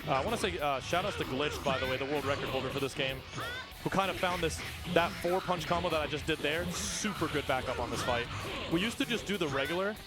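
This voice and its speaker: A man giving casual, excited live commentary while speedrunning a game. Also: fairly high pitch. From not Australian. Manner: casual, excited, talks fast between game moments. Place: live event stage. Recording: game music playing behind.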